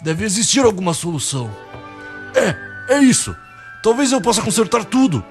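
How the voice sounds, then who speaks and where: Man acting as old Santa Claus, earnest, measured, formal, high voice, Brazilian accent, amateur radio play, faint music behind. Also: big pitch swings. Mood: solemn.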